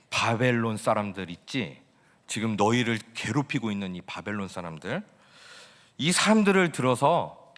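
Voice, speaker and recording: A man's voice: a bit bright, husky. A man voicing God speaking to a prophet. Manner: alternately fussy-apologetic and low, stern. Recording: long church-hall reverb.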